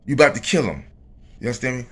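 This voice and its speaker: A man's voice: medium pitch, very animated, very fast, slightly rough. A man co-hosting a casual talk show, talking earnestly and repeating himself, tagging his sentences with "man" and "you understand me". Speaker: co-host. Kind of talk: casual chat.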